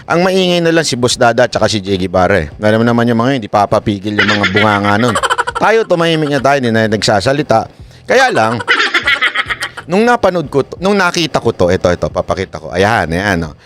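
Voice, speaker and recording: A man giving live-stream commentary in an animated way, often tossing tag questions to viewers. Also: fairly low pitch, a little fast, heavy background noise. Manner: animated, keeps asking "di ba?". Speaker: online news commentator.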